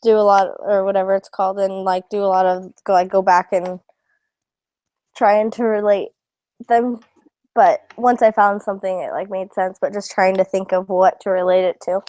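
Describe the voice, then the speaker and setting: Young woman, student, rambling, filler-heavy, mellow tone, dry close sound. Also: mid-range voice, level tone, normal speed, no room sound. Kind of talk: casual group discussion.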